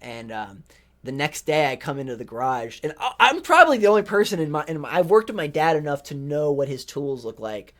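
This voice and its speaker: A man's voice: on the high side, sing-song, a little fast, fairly bright tone. A young man hosting a podcast, telling a rambling, profane story about his family in a casual monologue, full of "like" and restarts. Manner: rambling, profane, self-interrupting with lots of "like". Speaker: podcast host, rookie stand-up comedian.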